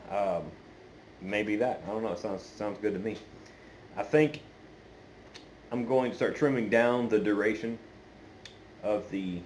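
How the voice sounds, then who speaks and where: Male hobby vlogger, lowish pitch, hesitant rambling conversational delivery, noisy homemade phone audio. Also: a little mellow. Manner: hesitant, meandering, halting delivery. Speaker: pipe-smoking video channel host. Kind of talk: casual unscripted chat to viewers. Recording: clearly noisy amateur phone recording.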